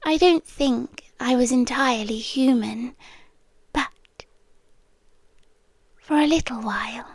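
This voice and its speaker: Wistful and tender, a British woman gives a full character voice to a possessive, childlike female sea demon in an ASMR roleplay. Her fairly high pitch carries soft, breathy speech that frequently turns to whispers, with slow, coaxing pauses and an eerie tenderness. There's no echo.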